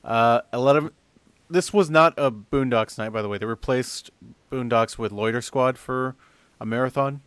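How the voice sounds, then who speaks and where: A man hosting a casual podcast, reading out a list of figures in a steady way and laughing easily. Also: mid-range voice, moderate pace, clear, resonant tone, no room sound. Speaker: podcast host reading ratings.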